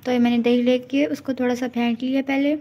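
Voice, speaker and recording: A woman hosting her home cooking channel, explaining each step in a steady voice-over. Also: high-pitched, fairly quick, muffled recording. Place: home kitchen.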